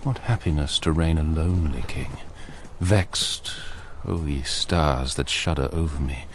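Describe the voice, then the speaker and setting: Brooding, deep-voiced King Arthur. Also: unhurried, a little hiss or hum. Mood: anguished yearning. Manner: solemn, yearning, declamatory. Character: brooding, lovelorn young king of legend. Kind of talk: dramatic verse soliloquy.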